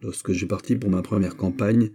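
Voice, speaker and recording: A man voicing a gracious, modest young nobleman soldier in an audiobook, speaking softly, earnestly and courteously. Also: fairly low pitch, steady tone, fairly quick, breathy edge. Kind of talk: audiobook character voice.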